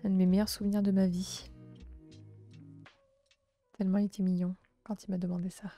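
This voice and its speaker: A young woman from south-east France with a southern French accent, chatting gently with her live-stream viewers and filling pauses with hesitations. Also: medium pitch, level tone, no echo, faint music behind. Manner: gentle, chatty, many fillers and restarts. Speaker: livestream host. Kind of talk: casual live-stream chat, reading chat.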